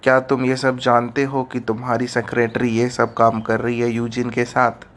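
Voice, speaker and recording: A man voicing a meddling, grumpy old father-in-law in an animated story, threatening to tell on others. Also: mid-range voice, normal speed, close to an everyday voice. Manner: threatening, tattling.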